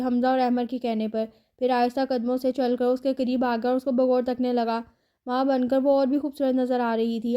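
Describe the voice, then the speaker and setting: A woman reading a romance novel aloud in a steady, even storytelling manner. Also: high-pitched. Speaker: narrator.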